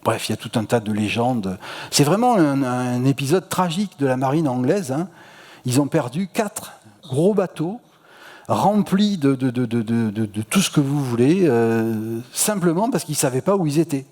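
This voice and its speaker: A man's voice: mid-range voice, lively intonation, moderate pace, darkish tone. A man with a Marseille accent giving a casual popular-science talk at a festival, slangy and full of hesitations. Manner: chatty, slangy, many hesitations. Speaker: public lecturer. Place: lecture hall at an astronomy festival. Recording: reverberant lecture hall.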